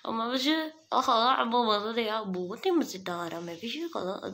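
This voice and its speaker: A woman's voice: fairly high pitch, normal speed, a bit bright. A young woman vlogging to her phone camera in a small room, giving scornful, chatty commentary. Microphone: phone camera at arm's length.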